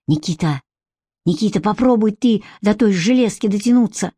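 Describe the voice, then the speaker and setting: A woman's voice: mid-range voice, lively intonation, moderate pace, dark tone, husky, no room sound. Woman reading as a selfish young captive man, hissing whispers, grumbling, dry close sound, audiobook. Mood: whispering.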